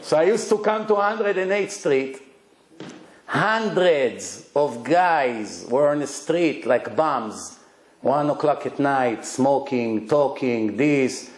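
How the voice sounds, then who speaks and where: This religious lecture, lively and delivered to an audience, comes from a man with an Israeli accent whose first language is Hebrew; his medium-pitched voice is animated and slow, and the room reverberates. He makes his points with blunt emphasis, short punchy phrasing, and rhetorical questions.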